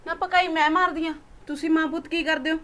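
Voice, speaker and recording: A woman plays a quarrelsome young wife with a Punjabi accent, snapping back in a very high, rapid voice. Her retorts come fast and shrill. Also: steady tone, fairly bright tone. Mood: defiant. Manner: shrill, defiant back-talk. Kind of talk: Punjabi web series acting.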